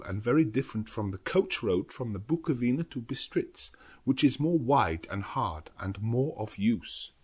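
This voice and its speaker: An earnest, grave elderly professor from abroad, a devout vampire hunter, narrates a journal in a dramatic audiobook reading. The male voice is mid-range, husky, and exaggerated, with swooping intonation. He speaks in halting, non-native English, deliberately and dramatically.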